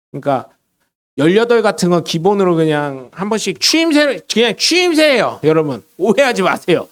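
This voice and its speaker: A middle-aged man preaching a sermon in a church, telling stories with lively swings between loud bursts and quiet asides. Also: high-pitched. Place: church sanctuary.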